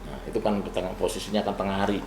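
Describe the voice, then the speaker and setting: An older man telling a story in casual spoken style, animated and rising to loud bursts at tense moments, with a gravelly voice. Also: deep voice, racing, music in the background. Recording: roomy room with clear background ambience.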